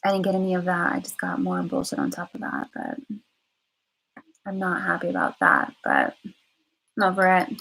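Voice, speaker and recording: A woman's voice: on the low side, wildly swooping pitch, moderate pace, vocal fry, pauses often, a bit bright, husky, poor audio. A woman vlogger talking candidly on a live stream, rambling and repeating herself with many fillers. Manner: candid and emotional. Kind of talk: casual live-stream monologue.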